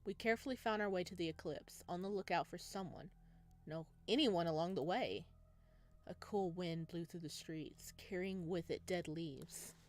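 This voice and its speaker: Low-pitched woman streaming a visual novel. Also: moderate pace, darkish tone. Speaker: let's play streamer. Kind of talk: reading visual novel narration aloud with casual commentary. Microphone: wearing headphones.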